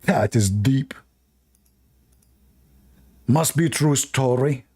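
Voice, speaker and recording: A man hosts a live debate show, mocking and combative toward callers and laughing at his opponents. His mid-range voice is mellow and husky, with drawn-out words, and his English has non-native grammar.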